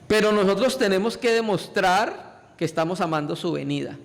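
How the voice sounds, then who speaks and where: High-voiced preacher with gravelly edge. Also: male voice, expressive, moderate pace. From Colombia. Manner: emphatic, repeatedly addresses listeners as brothers. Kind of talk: sermon. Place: church hall. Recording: reverberant church hall.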